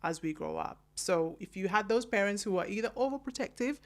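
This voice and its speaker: A woman in her thirties, from Kenya, telling her life story as an author in an interview, with emphatic, animated delivery and acted-out quotes. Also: medium pitch, fairly quick. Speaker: author and guest.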